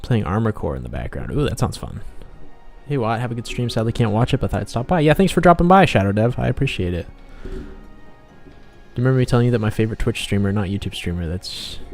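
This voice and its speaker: A game developer and artist hosts a casual livestream while drawing, talking a little fast in a lowish, darkish voice with lively intonation. He rambles to viewers and mutters asides to himself, with background music playing.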